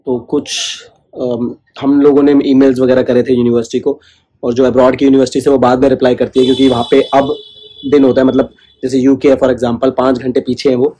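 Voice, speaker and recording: A man's voice: mid-range voice, level tone, fairly quick, dark tone. A man chatting casually to the camera in a home vlog, sharing tips and calling his viewers brother. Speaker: vlogger. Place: at home, indoors.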